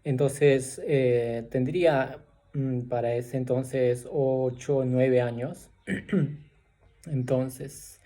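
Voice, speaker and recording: A young man tells his own faith testimony off the cuff. His voice is mellow and dark, and his pitch stays flat and even. He pauses often, fills gaps and keeps asking "right?". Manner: soft-spoken, halting with many fillers and tag questions. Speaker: storyteller sharing his testimony. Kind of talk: personal faith testimony, unscripted.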